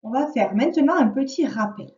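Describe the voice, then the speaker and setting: Brief: woman teacher on a home computer mic, slow deliberate dictation, lively pitch, dull roomy sound. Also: recorded from a distance. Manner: slow, carefully articulated word dictation. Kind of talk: remote phonics lesson for a child. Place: at a computer, recording the lesson.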